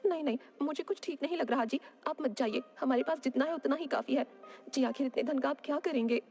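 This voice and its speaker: An anxious, humble village wife, as a woman voices her in a cartoon, pleading quickly in a raised voice. Light music runs under her lines. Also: high voice, darkish tone, long reverb tail, pitched above the performer's own voice. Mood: worried. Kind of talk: cartoon dubbing.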